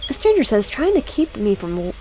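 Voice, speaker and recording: Her voice sits a little high, sing-song and warm, as she haltingly reads a horror visual novel, restarting lines again and again and breaking off for chatty asides to viewers. She's a young adult gaming YouTuber; faint music plays and the audio is poor.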